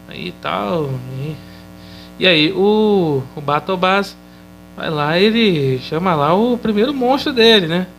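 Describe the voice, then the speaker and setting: A man's voice: high voice, creaky, fairly bright tone, slight background noise, rough recording. A man with a Brazilian Portuguese accent casually recapping a TV episode, chatty and loose, often tagging his sentences with questioning fillers. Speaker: episode reviewer.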